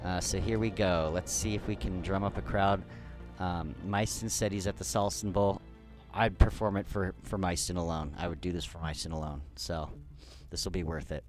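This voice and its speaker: Chatty, low-voiced male streamer. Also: fairly even intonation, normal speed, soft background music. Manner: chatty, rambling, many restarts. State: dry throat. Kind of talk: casual live-stream chat.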